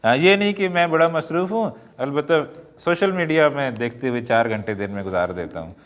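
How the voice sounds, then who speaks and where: A man teaching an Arabic lesson, reading words slowly and adding joking asides to his students. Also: medium pitch. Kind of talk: classroom-style lesson. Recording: long hall reverb.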